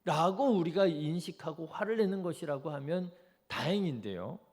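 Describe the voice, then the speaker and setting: A man delivers a dawn service sermon as pastor in a church, his voice mellow and somewhat high. He keeps asking the congregation rhetorical questions. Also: expressive, normal speed. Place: church sanctuary.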